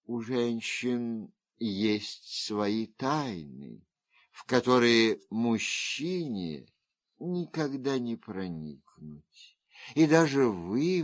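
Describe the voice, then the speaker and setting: Male reader doing a weary, sorrowful noblewoman, slow and quiet, for an audiobook. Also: dry recording, studio quality. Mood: secretive. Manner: low, slow, tired murmur. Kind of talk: audiobook character reading.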